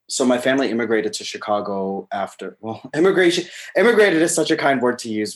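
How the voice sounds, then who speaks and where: A man in his twenties, from Palestine, speaking hesitantly as an interview guest. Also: lowish voice. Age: 20s. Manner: hesitant, many fillers.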